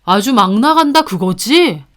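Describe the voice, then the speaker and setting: A woman's voice: fairly high pitch, animated, unhurried, fairly bright tone. A woman voicing a defensive, angry young husband who snaps back. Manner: snapping, defensive. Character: angry selfish husband, young adult man.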